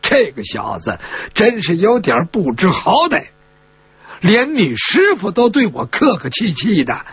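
A man playing a dignified hero chief in a storytelling show, restrained indignation, husky, dry sound. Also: high-pitched, fairly bright tone, dry recording, exaggerated voice. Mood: indignant. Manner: restrained, indignant inner musing. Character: proud dignified male leader of sworn heroes.

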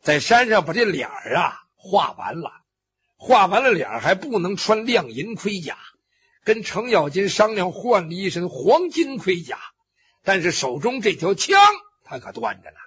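A man's voice: high-pitched, sing-song, normal speed, fairly bright tone, breathy edge. A man telling a traditional Chinese story vividly, with spoken sound effects and acted cries. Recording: dull lo-fi recording.

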